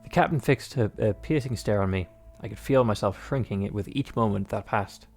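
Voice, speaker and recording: Speaking fairly quickly in a fairly low, darkish voice, this man plays a visual novel and narrates its text out loud. Faint music sits behind his rambling jokes and frequent fillers.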